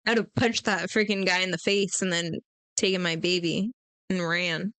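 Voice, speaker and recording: A woman co-hosting a podcast in casual chat, blunt and animated, cursing freely. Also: lowish voice, normal speed, clean tone, no room sound. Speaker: podcast co-host.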